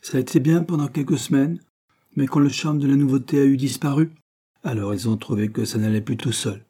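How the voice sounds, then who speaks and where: A man voicing an embittered, worn-out male laborer who complains loudly and resentfully. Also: mid-range voice, husky, lightly acted. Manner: aggrieved and loud.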